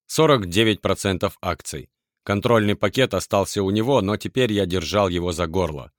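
A man with a very deep, low voice narrates a first-person tale in a steady, measured storytelling manner. The sound is dry and close, with no room around it, as from a studio booth. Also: no echo.

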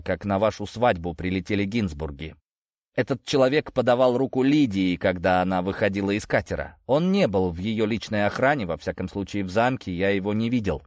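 A man's voice: on the low side, a little fast, a little mellow, dry recording, clean studio sound, lightly acted. A man reading an audiobook, voicing a tired, matter-of-fact young man reporting grim news. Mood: explaining. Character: weary young man, battle-hardened brother.

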